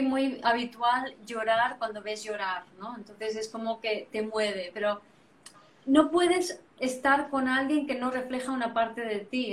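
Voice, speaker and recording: Woman, guest therapist, animated, repeats phrases, echoey room. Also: fairly high pitch. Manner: animated, repetitive phrasing, frequent tag questions. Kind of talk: reflective conversational explanation. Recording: roomy sound, distant from mic.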